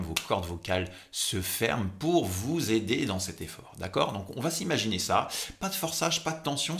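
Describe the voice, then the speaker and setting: A man's voice: lowish voice, fairly bright tone. A man giving an informal vocal technique lesson as a singing coach, conversational and instructional, drawing out key words for emphasis.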